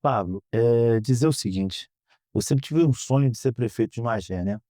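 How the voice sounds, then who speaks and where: A Brazilian man in his thirties answering interview questions in an earnest, measured way, often ending phrases with a questioning tag. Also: mid-range voice, dark tone, no echo, studio quality. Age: 30s. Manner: earnest, measured, frequent "né?" tags. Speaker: guest, politician. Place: podcast studio.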